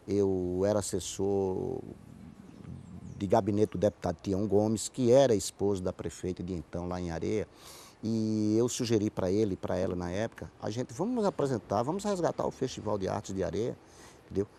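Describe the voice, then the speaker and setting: Giving conversational answers in a TV interview, a middle-aged Paraíba-born writer and playwright with a Northeastern Brazilian accent explains at length, often restating his points. He speaks at a moderate pace in a fairly low, dark voice with vocal fry. Slight background noise is audible.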